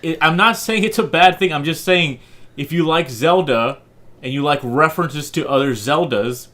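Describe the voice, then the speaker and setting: A man's voice: on the high side, normal speed, fairly bright tone. Blunt, foul-mouthed young man. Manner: blunt, swears freely, argumentative. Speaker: podcast co-host. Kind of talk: casual chat.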